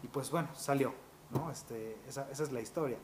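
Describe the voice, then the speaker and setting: Fast-talking voice actor. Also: male voice, medium pitch, noisy background. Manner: animated, quick anecdotal storytelling with fillers like "este". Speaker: voice actor guest. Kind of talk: interview storytelling.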